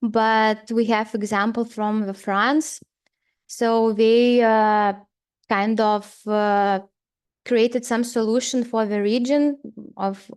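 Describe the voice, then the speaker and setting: Slow, hesitant woman presenting. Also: mid-range voice, clean tone. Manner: hesitant, many pauses and fillers. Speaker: seminar presenter. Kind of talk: presenting slides at a seminar.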